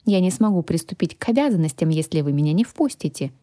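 A woman voicing a touchy, haughty male genie who has come to work as a cook, speaking in a slow, offended drawl. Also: fairly low pitch, lively intonation, dark tone, dry recording, studio quality, close to an everyday voice. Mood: indignant. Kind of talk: audiobook character voice.

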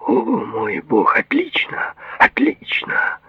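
A man's voice: big pitch swings, moderate pace, husky, no room sound, exaggerated voice. A man playing a jumpy paranoid businessman. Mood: agitated. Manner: jumpy, swinging from whispers to shrill outbursts. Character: paranoid, excitable middle-aged businessman patient. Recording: thin phone-like audio.

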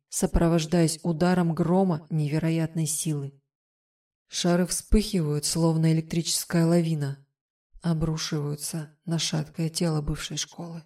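A woman's voice: fairly low pitch, mellow, dry recording, studio quality. A woman narrating a first-person fiction audiobook with tense, vivid storytelling.

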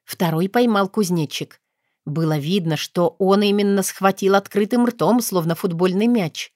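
A woman narrating a fantasy audiobook in an expressive storytelling manner. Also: mid-range voice, a little slow, no echo, clean studio sound.

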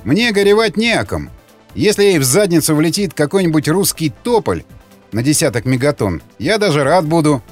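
A man voicing a cynical, crude male crewman who mocks and shouts. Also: a little high, sing-song, normal speed, soft background music. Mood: sneering. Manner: mocking, then shouting.

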